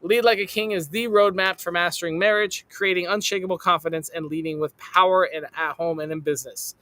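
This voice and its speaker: Male podcast host, emphatic; high and bright voice. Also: steady tone, fairly quick, no echo. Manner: upbeat, emphatic announcer delivery. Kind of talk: podcast host reading sponsor shout-outs.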